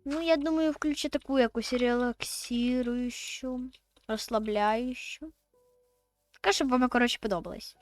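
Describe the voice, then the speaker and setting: A woman's voice: on the high side, steady tone, normal speed, faint music behind. A woman, chatting casually as she plays a video game and counts aloud while building. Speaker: gaming video host.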